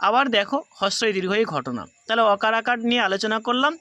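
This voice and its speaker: A man's voice: high voice, expressive, fast, pushed and bright, dry recording. A man teaching a grammar lesson with a Bengali accent, patiently repeating each rule step by step for his students.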